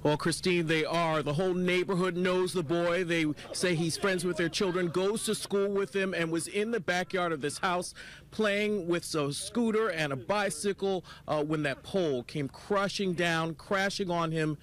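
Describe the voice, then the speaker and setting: A man's voice: sits high, moderate pace, fairly bright tone. A man reporting live on the news with a grave delivery. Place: outdoors on a residential street at night. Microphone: handheld reporter microphone.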